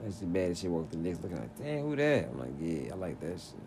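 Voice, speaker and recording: A man in casual chat, telling crude stories animatedly and jumping high and loud when acting out his reactions. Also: big pitch swings, fast, a little hiss or hum.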